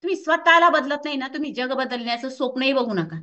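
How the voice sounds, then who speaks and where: A woman fitness coach giving a lively, scolding motivational workshop talk to her associates, acting out the excuses of her clients. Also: sits high, fast talker, distant mic, muffled recording.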